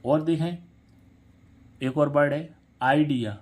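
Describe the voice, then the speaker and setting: A man's voice: fairly high pitch, takes it slowly, darkish tone. A man teaching English pronunciation. He talks patiently, repeats each word and spells it out letter by letter. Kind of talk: spelling lesson, letters read out slowly.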